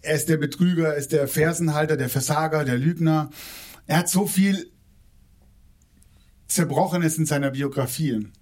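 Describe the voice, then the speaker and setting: A man delivering a sermon with a slightly raised pitch. He talks in a loose, everyday way, stumbling and repeating words as he goes. He slows down and softens his voice to land his main points. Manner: informal, colloquial preaching with frequent restarts and repeated words; slows down and lowers his voice for emphasis. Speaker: preacher.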